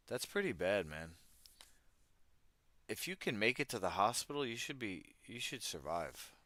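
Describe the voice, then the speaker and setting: A livestream host with a lowish, sing-song voice speaks unhurriedly with long pauses, sounding bright and forceful in a dry recording. He reads news articles aloud and riffs on them in casual commentary, with wry, irreverent asides to his chat.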